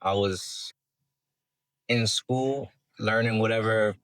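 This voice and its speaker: A man with a low voice talks slowly and loosely, dropping slang and the odd swear word. The recording is dry and close. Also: steady tone, fairly bright tone, no room sound. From Massachusetts. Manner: laid-back, slangy, swears, slow. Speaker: musician and clothing brand creator. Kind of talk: casual interview answers.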